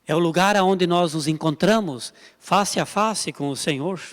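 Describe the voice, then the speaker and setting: A man's voice: sits high, a little slow, big-room sound. A male pastor, preaching a sermon emphatically, repeating lines and appealing directly to the congregation. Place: church service.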